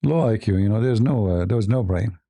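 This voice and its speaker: A man hosting a livestream debate, raspy and mocking, halting with many fillers. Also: lowish voice, dark tone, no echo. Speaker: host.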